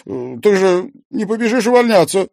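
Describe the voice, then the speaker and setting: A man voicing a plump, chatty young woman who works in a museum, speaking in a shrill, emphatic way. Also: very animated, normal speed, vocal fry, darkish tone, dry recording, clean studio sound, heavily acted.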